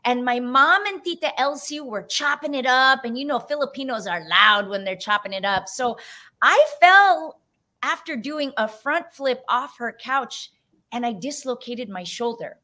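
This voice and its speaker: A woman from San Francisco, a podcast guest who tells her life story in a lively way and acts out the voices of the people in it. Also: high voice, a little slow. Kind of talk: storytelling interview answer.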